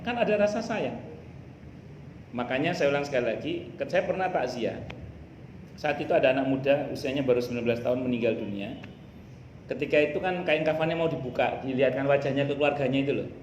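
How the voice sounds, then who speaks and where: A man preaching, answering questions from his listeners in a lively way and posing rhetorical questions that he then answers himself. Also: a little high, a little hiss or hum. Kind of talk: religious Q&A talk. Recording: echoey room.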